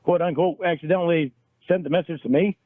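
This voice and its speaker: Over a tinny, dry phone line, a male caller in a recorded, heated argument keeps repeating accusations and stumbling over his words. He talks fast, with a fairly high pitch and a steady tone, and there's no room sound.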